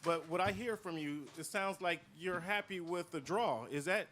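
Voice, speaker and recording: Halting male reporter, slightly high voice. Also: fairly bright tone, slight background noise. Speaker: reporter asking a question. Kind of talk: press conference question.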